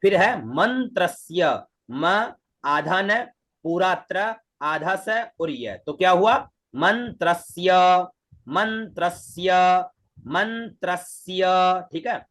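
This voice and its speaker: A man's voice: high voice, very animated, fairly bright tone. A man teaching Vedic mantras online. He breaks each word into syllables, repeats it several times, and chants the full verse. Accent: Hindi. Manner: spells out syllables slowly, then chants the mantra.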